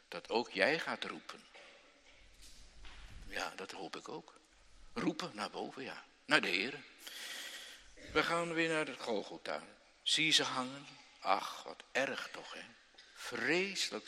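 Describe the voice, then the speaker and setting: Slow-spoken pastor in a church. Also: male voice, medium pitch, breathy edge. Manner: slow, dramatic storytelling with sudden loud outbursts and questions to listeners. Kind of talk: children's sermon. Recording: long church reverb.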